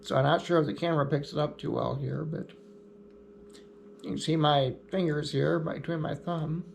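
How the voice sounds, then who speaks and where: A man speaking in a casual, explanatory vlog style, unhurried and easygoing. His voice sits slightly high and carries a gravelly edge. Faint room noise sits behind him. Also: fairly even intonation. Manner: easygoing, plainspoken, lightly humorous. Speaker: vlogger.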